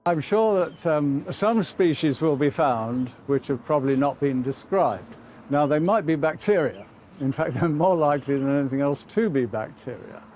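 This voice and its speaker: A man's voice: on the high side, lively intonation, normal speed, darkish tone. A man being interviewed as a researcher, speaking carefully and stressing his caveats. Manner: careful, hedged, emphatic on caveats. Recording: faint outdoor background noise.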